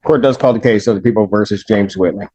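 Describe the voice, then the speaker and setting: A man's voice: lowish voice, darkish tone. A middle-aged man presiding as judge, speaking sternly and emphatically on a courtroom recording. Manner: stern, lecturing, measured and emphatic. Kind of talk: courtroom proceedings.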